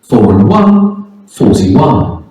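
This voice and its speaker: Male bingo caller, sing-song and animated, distant and heavily reverberant over the venue. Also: lowish voice, very slow. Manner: bingo calling, sing-song digit-then-number calls. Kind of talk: formal scripted announcement and number calling. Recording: echoey venue PA from far off.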